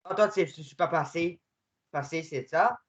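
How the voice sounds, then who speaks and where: A man giving casual gaming commentary while playing with a friend, excitable and swinging between muttering and shouting. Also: fairly high pitch, moderate pace, dull audio.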